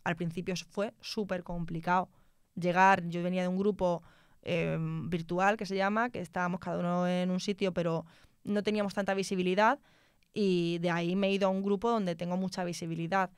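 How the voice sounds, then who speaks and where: A woman's voice: fairly low pitch, fairly even intonation, a little fast, smooth, no room sound, clean studio sound. Young woman from Spain, engineer guest, candid chatter, clean resonant tone. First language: Spanish. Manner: candid, reflective, laughs often. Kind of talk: casual interview chat.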